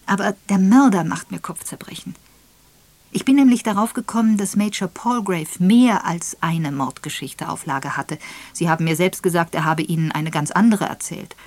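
A woman voicing a shrewd, gentle elderly spinster detective who speaks softly, half in a whisper, in an audiobook. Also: fairly low pitch, moderate pace, no echo. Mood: thoughtful.

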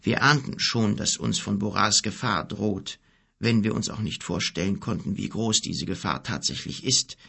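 A man voicing an old, weary wizard in an audiobook, speaking slowly and low, sometimes half in a whisper, with a husky, gravelly voice. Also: heavily acted. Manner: slow, low and hushed, half-whispered at times. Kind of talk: audiobook character reading.

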